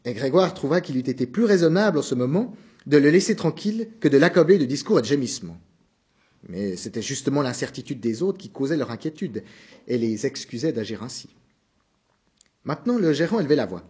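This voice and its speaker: A man narrating a novel in a measured, subdued reading voice. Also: medium pitch, sing-song, a little mellow, slightly rough.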